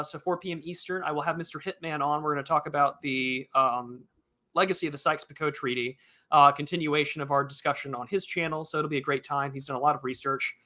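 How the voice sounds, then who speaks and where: Chatty guy rambling on a live stream, bright voice, kinda high. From United States. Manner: rambling, joking, many fillers and restarts. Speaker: podcast co-host. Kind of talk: casual chat.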